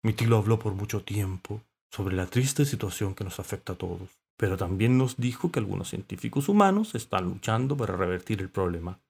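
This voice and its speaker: A man narrating a children's story in an expressive, calm way. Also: fairly low pitch, a little fast, vocal fry, hardly any pauses, slightly rough.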